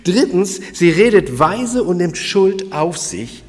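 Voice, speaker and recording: A man's voice: high voice, big pitch swings, slow pace. Emphatic male preacher in a hall. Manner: emphatic, rising and falling in volume, addresses listeners directly. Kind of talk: sermon.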